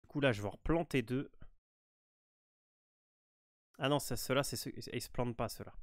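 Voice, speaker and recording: Unhurried and hesitant, this French-accented gaming host narrates a walkthrough in a middle-pitched voice, often stopping, restarting thoughts, and filling gaps. The sound is close and dry, free of room echo.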